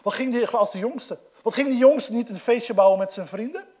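A preacher delivering a sermon and explaining a scripture passage, moving between loud, emphatic passages and hushed, almost whispered asides. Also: medium pitch, normal speed. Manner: explains a scripture text to a congregation.

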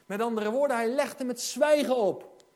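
A man's voice: very high-pitched, normal speed. A man preaching a sermon, urgent and exhorting, reading scripture with emphasis. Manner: dramatizes hesitant voices in hushed tone.

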